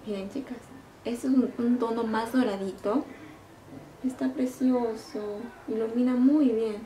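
A middle-aged woman vlogger demonstrating makeup in a casual, excited, gushing way, full of fond little diminutives. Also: a little high, a little slow, a little hiss or hum. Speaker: beauty vlogger. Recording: echoey room.

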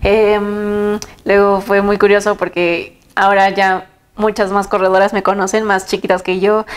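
Young woman, Mexican accent, lively storyteller, laughs a lot, mid-pitched voice. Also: moderate pace, slight background noise. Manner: lively storytelling, quotes her own thoughts, laughs often. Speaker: runner being interviewed. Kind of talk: casual interview.

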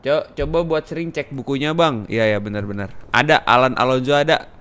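A young man from Indonesia with a Jakarta slang accent, commenting loudly on a horror game he plays live, often shouting and swearing. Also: mid-range voice, brisk, clean tone. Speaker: game streamer.

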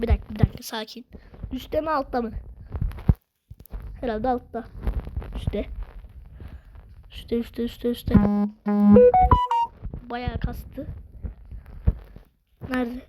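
Excitable high-voiced woman gamer. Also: heavy background noise. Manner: excitable, slangy, swears. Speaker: gaming video host. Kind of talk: live gameplay commentary.

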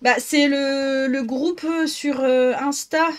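A woman from northern France, a Twitch streamer, is live from her home office, chatting casually with viewers, greeting them by name and making jokes about herself. Her voice sits high and steady, and she takes it slowly.

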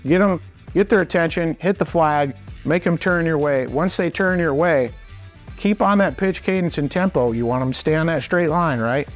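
Talking to camera from a small indoor wooden workshop, a forties-aged instructor explains things in a homespun, plain way. His voice is a bit high and his pace is normal. Music plays underneath him.

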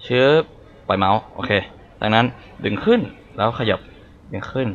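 A young man commenting on his own gameplay, excitable, yelping and exclaiming and talking to himself as he plays. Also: on the low side, moderate pace, lo-fi sound. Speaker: gaming YouTuber. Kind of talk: let's play commentary. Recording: music playing behind the voice. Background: game music.

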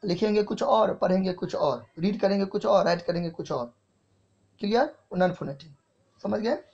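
An English teacher with an Indian accent gives a classroom lecture in a high, slightly mellow voice. He dictates key phrases by repeating them slowly and keeps checking for clarity, and the audio sounds dull and lo-fi.

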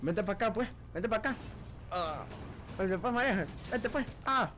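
A man's voice: sits high, animated, moderate pace, a bit bright, slight background noise. A man with a Venezuelan accent giving casual gameplay commentary with a friend, laughing often and swearing casually. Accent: Venezuelan Spanish. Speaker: gaming video creator.

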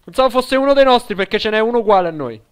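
A young Italian man streaming a shooter game, excitedly yelling during fights and muttering quietly between them. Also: sits high, racing, smooth. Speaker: gaming streamer. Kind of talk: live gameplay commentary.

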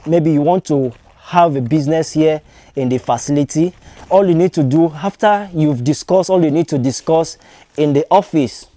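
A man's voice: a little high, dark tone. Nigerian-born man touring a concrete fish farm. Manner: hesitant, repeats phrases, many fillers. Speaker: fish farm consultant giving a site tour. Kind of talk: walking video tour. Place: large concrete fish farm buildings, partly open-air. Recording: long reverb in bare concrete halls.

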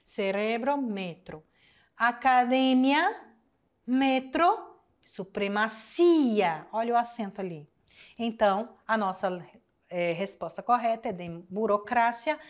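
A woman teaching a recorded class, explaining step by step, repeating the answers and speaking straight to her students. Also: fairly high pitch. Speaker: Spanish teacher.

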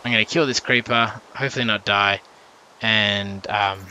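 Bright-voiced man narrating his gameplay. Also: fairly low pitch, fairly even intonation, moderate pace, a little hiss or hum. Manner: rambling with many fillers and self-corrections; jumpy reactions to in-game danger. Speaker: channel host. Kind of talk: casual gameplay commentary.

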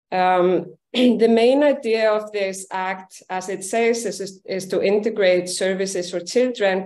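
A woman's voice: medium pitch, darkish tone. Woman presenting research over a video call. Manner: measured, explanatory, frequent ums and repeated words. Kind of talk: online conference presentation. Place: home or office room on video call. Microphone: video call webcam.

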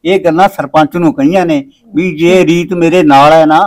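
A man's voice: fairly high pitch, steady tone, moderate pace, natural voice. A man acting a middle-aged village husband and father in a family drama, blunt and proud, with a Punjabi accent. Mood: resolute.

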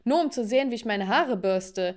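A woman's voice: a little high, animated, moderate pace, close to an everyday voice. A woman playing a cocky, smug teenage boy. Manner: boastful, cocky.

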